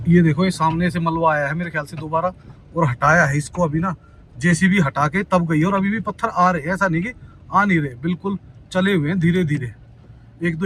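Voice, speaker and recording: Chatty high-voiced man vlogging from a car. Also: a little hiss or hum, low-quality recording. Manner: chatty, addresses viewers as brother, worried tone. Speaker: travel vlogger. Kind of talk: casual driving vlog commentary. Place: inside a car in traffic, outdoors around.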